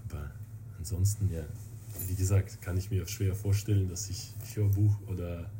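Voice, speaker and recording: In a relaxed interview conversation, a Russian-accented man pauses often, searching for the right German words since Russian is his mother tongue. The background is noisy, and his low voice keeps a fairly even intonation.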